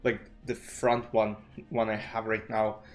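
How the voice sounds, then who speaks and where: Here the man's voice is fairly low, monotone, and unhurried, with soft background music. He's a chess streamer, a native Russian speaker, rambling through casual vlog commentary peppered with "you know" and false starts. He records at a home desk setup using a streaming mic and webcam.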